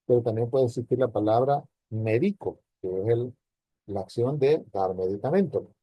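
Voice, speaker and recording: A male university lecturer with a mid-range voice teaches a recorded online class at a moderate pace, explaining step by step and checking in with rhetorical questions aimed at his students. The recording is dry and dull.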